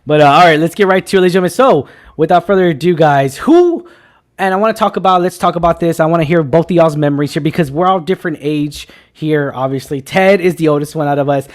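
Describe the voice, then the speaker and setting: A man in his twenties hosting a casual movie talk show, excitable and teasing, with loud bursts. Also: a little high, quick pace. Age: 20s. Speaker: podcast host. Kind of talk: casual film chat.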